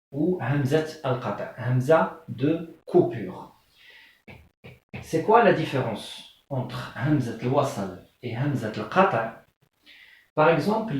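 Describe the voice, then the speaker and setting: A man's voice: mid-range voice, a little mellow, far from the mic. A man teaching the alphabet in French, patiently repeating terms and checking understanding with the class. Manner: patient, repeats terms slowly, frequent "euh" and "d'accord?". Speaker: Arabic teacher. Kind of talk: classroom lesson explaining the alphabet. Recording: very echoey room, voice off-mic.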